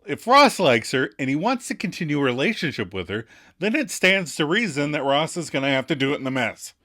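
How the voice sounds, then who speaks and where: Lively male podcast co-host. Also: a little high, a little fast. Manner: animated recapping, acts out quoted lines, laughs often. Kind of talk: casual episode recap chat.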